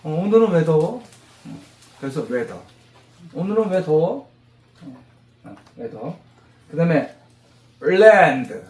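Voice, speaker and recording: A man teaching English vocabulary to a class of mothers, animated, quizzing them and drilling repetition. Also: a little high, slow, long pauses, a little hiss or hum. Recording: roomy classroom echo.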